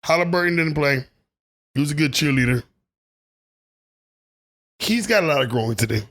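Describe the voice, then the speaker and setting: A man's voice: on the high side, expressive, moderate pace, fairly bright tone. A man delivering a rambling, opinionated basketball commentary monologue, laughing at his own asides. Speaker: sports commentary vlogger.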